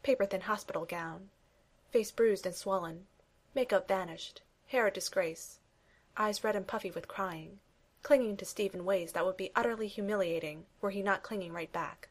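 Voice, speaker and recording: A woman narrating a story aloud at an ordinary, middle pitch. She reads every character's dialogue in her own voice, leaning on lines with gentle emphasis rather than putting on separate voices. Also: normal speed. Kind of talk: fan fiction reading.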